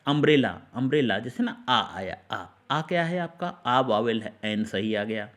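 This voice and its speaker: A male teacher giving a classroom-style grammar lesson, at an ordinary middle pitch. He walks through each example slowly, repeats the key sounds and keeps putting questions to his students. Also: expressive, a bit bright. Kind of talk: Hindi grammar lesson on English articles.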